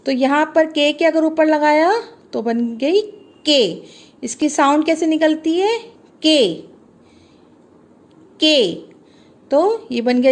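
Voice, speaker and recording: An Indian woman teacher with a high, bright voice who speaks slowly and patiently. She stretches out each syllable as she sounds words out for young children and keeps encouraging them as she goes. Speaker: school teacher.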